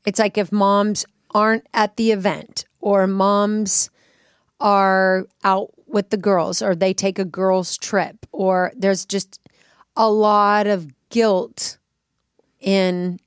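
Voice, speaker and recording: A woman's voice: mid-range voice, level tone, clear, resonant tone, no echo, clean studio sound. Earnest middle-aged woman co-hosting a podcast. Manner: earnest, reflective, with drawn-out phrasing. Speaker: podcast co-host. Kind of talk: casual chat. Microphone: studio microphone.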